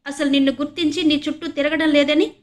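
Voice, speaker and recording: A crippled teenage boy, voiced by a woman reader, pleads through tears in a storybook drama. His voice sits high and strained, carried on with a narrator's clarity. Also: level tone, a little slow, natural voice. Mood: tearful protest. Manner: pleading, tearful.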